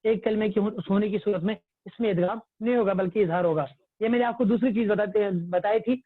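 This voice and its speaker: A man's voice: sits high, steady tone, no echo. Male tajweed teacher, patient, asks and answers his own questions, dry close sound, tinny call line. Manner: patient, repetitive, quizzing the class. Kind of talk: online religious class. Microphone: phone or computer mic on a video call. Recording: tinny phone-like online call audio.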